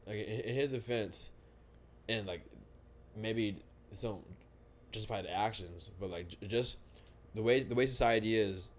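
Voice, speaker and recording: A man's voice: lowish voice, a little mellow, a little hiss or hum. A young man in casual sports talk, laid-back and hesitant, often repeating words. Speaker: podcast co-host.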